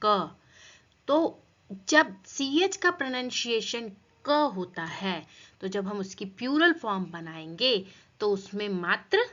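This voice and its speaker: Woman teacher, slow deliberate delivery, asks and answers herself, dull lo-fi sound. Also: mid-range voice, fairly bright tone. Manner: asks and answers her own questions, addresses students as children. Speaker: grammar teacher. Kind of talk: classroom grammar lesson.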